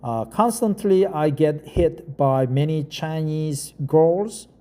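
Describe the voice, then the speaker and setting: This middle-aged man from Korea has a warm, slightly high voice and a Korean accent. A non-native English speaker, he reads an article aloud and talks casually, halting often with fillers and restarts.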